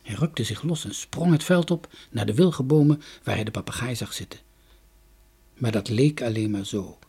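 A man reading a children's story aloud in an expressive, dramatic way. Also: mid-range voice, normal speed, breathy edge. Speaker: narrator.

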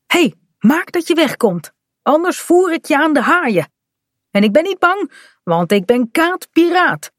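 A woman's voice: sits high, big pitch swings, a little slow, dry recording, clean studio sound, pitched above the performer's own voice. A woman reading aloud voices a spirited little girl who plays pirate, cheeky and proud. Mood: fierce.

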